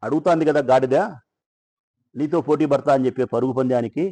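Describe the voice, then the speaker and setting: A man's voice: medium pitch, fairly even intonation, a little fast, dark tone, lightly acted. A man voicing a clever male fox who makes himself referee and questions the lion in a spoken fable. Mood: officious.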